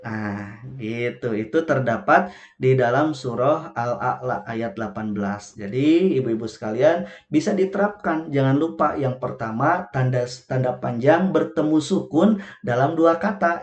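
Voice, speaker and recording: A man teaching Quran reading rules in a patient way, often adding a short check-in tag and slowly chanting the Arabic examples. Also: mid-range voice, a little mellow, dull audio. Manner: patient, repeats "gitu ya" often. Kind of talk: online tajweed lesson. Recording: echoey room.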